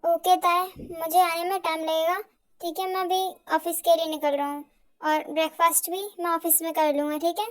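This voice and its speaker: A woman's voice: very high voice, level tone, normal speed. A woman voicing a secretive young husband who talks hesitantly and then firmly, in an amateur fan audio drama. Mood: evasive. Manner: hesitant, evasive, then firm.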